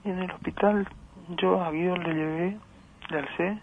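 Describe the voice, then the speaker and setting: A man's voice: high-pitched, fairly even intonation, a little hiss or hum. Grieving man on a tinny phone line. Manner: halting, repeats words, emotional. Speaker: interviewed father. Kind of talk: phone interview.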